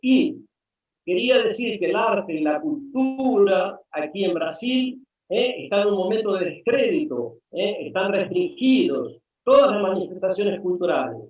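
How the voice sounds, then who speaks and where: High-voiced Brazilian man, earnest plea. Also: lively intonation, unhurried. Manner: earnest, pleading, frequent "eh" fillers. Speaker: guest speaker. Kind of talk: impassioned online conference address. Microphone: video call. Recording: echoey, distant, lo-fi call audio.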